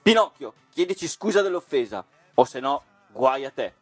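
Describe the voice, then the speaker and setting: A man's voice: mid-range voice, animated, moderate pace, no echo, soft background music, pitched above the performer's own voice, lightly acted. A man reading a storybook and voicing a gang of rowdy schoolboy bullies, scornful and threatening.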